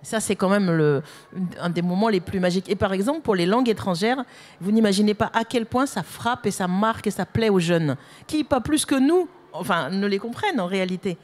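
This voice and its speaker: A woman's voice: medium pitch, expressive, brisk, a little mellow. A woman author and publisher on a panel discussion, telling anecdotes with enthusiasm.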